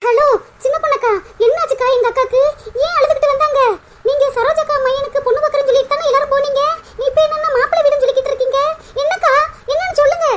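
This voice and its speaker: A woman's voice: extremely high pitch, steady tone, rapid-fire, heavy background noise. A woman voicing a heartbroken young woman in a cartoon, sobbing and pleading in Kanyakumari Tamil. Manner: sobbing, pleading, repeats her words. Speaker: cartoon character. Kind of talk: cartoon voice acting.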